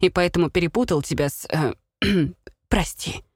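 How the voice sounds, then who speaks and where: A woman's voice: fairly low pitch, moderate pace, a little mellow, slightly rough, no room sound, studio quality. A woman reading a blustering middle-aged father, a former soldier, who blurts and pleads with his wife. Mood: sheepish.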